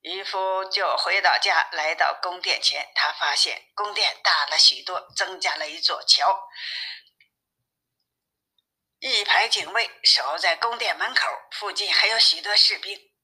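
A woman narrating a classic fairy tale for children in an expressive, steady storybook manner. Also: on the low side, normal speed, rough recording.

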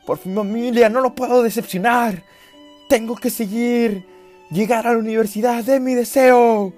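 A young man with a Chilean accent playing an anguished, determined young male anime hero in an overwrought, shouted parody. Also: very high-pitched, steady tone, normal speed, soft background music, voice pushed up. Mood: melodramatic. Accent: Chilean Spanish.

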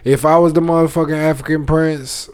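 A man's voice: on the high side, flat delivery, brisk, crowd noise. A man co-hosting a podcast, debating casually in profane slang and repeating himself emphatically to press his point. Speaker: podcast co-host.

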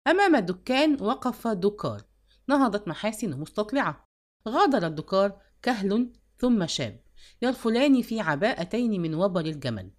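A woman narrating a novel as an audiobook, measured and expressive. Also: mid-range voice.

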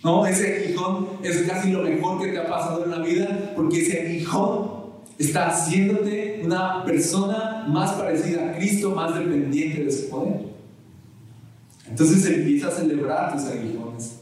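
Male preacher, exhorting sermon delivery, mellow tone, heard from a distance in a roomy space. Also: a little high, normal speed. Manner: earnest, exhorting, repetitive emphasis. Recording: echoey room, voice from mic distance.

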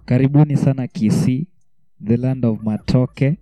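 A man's voice: mid-range voice, normal speed, dark tone. A man with a Kenyan accent hosting a casual, hyped radio interview full of slang. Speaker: radio host. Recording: muffled, roomy radio interview audio.

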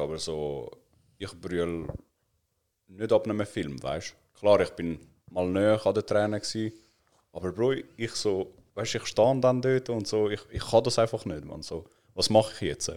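Swiss german co-host, very low voice, laid-back and hesitant. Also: male voice, normal speed, darkish tone. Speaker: podcast co-host. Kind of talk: casual chat.

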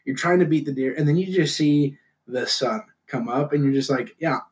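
A man's voice: a little high, moderate pace. A young man from Utah co-hosting a podcast, telling stories in casual chat and acting out what other people said. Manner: animated storyteller who acts out other people's lines. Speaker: podcast co-host.

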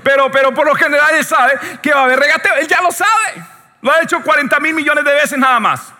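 A pastor from Latin America preaching a sermon with a joking, animated storytelling manner. He keeps checking in with the congregation. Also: very high voice, a little fast. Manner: joking, animated storytelling, often asks the audience "yes or no". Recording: long hall reverb.

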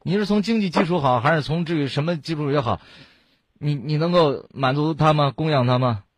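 A man's voice: a little high, brisk, dry recording. A man hosting a call-in advice show, lecturing a caller bluntly with strings of rhetorical questions. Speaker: radio advice host.

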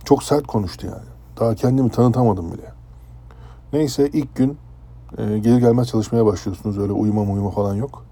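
A man from Turkey, a former ship's chef, casually recounting a personal story in a conversational, animated way. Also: on the low side, a little fast. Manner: conversational, animated when telling dramatic parts.

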